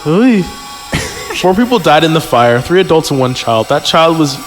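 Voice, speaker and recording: A man with a slightly high voice and big pitch swings reads a horror story aloud at a measured pace as a podcast host. He stumbles over words and throws in jokey, casual asides. The audio sounds like an echoey hall, with music.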